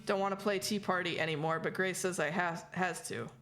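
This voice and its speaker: A woman's voice: lowish voice, steady tone, fairly quick, fairly bright tone, soft background music. A woman reading aloud the diary of a frightened young frontier girl in a video game, with plain, rustic, childish phrasing. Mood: uneasy, childlike.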